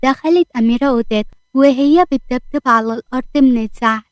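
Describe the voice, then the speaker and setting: A woman's voice: sits high, fast, dry recording. A woman with an Egyptian accent, narrating a story for her channel.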